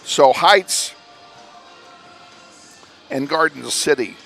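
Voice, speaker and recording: A Midwestern American man gives an informal pregame tournament recap with a higher-than-usual voice. He stumbles through fillers and corrects himself, sounding a little out of breath, and faint music plays behind him. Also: expressive, drawn-out words, creaky, fairly bright tone. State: slightly out of breath. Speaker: play-by-play broadcaster. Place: school gym broadcast booth.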